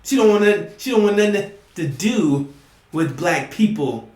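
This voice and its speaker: A man preaching emphatically to his listeners, often asking "you see?" and sometimes rising to a shout. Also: sits high, animated, moderate pace, echoey room. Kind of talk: impassioned preaching monologue.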